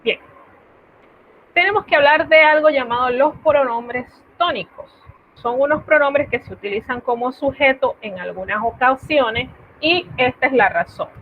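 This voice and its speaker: In an unhurried, high-sitting voice, a woman teaches French to students online, giving patient explanations in Spanish and checking in with them. The Latin American Spanish accent comes over a video call that sounds tinny and phone-like, with faint noise.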